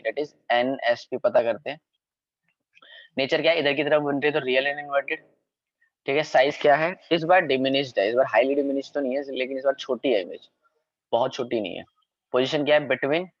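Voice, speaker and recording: A man's voice: medium pitch, no room sound, lo-fi sound. A man giving a recorded science lesson to school students. He keeps checking whether they understood and corrects his own slips as he goes. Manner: repeatedly checks understanding, quick self-corrections. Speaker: science teacher. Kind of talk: recorded revision lecture.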